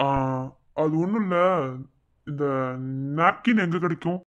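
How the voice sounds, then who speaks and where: A woman's voice: fairly low pitch, measured pace, dull audio. A woman voicing an awkward, well-meaning young village man in a cartoon, asking fumbling, hesitant questions. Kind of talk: cartoon voice acting.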